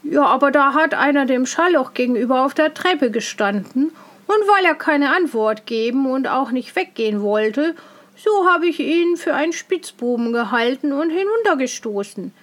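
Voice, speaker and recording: A woman's voice: high voice, expressive. A woman voicing a naive, fearless young peasant boy in a fairy tale reading, speaking eagerly and earnestly. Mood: innocent. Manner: eager, earnest, slow and wondering. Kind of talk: storybook reading.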